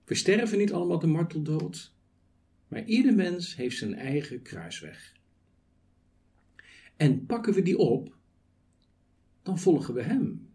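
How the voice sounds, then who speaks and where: A man preaching a sermon, building it on rhetorical questions and measured lists. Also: on the high side, big pitch swings, dark tone.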